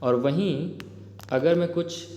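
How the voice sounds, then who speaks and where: A grammar teacher with an Indian accent, his voice sitting fairly high for a man. He explains rules in a chatty way, keeps checking that viewers follow along, and reads English examples slowly. The room rings with a long echo. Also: a little mellow. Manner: addresses viewers as "bhai", frequent "theek hai?" check-ins. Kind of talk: explanatory exam-prep lesson. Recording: echoey room with long reverb.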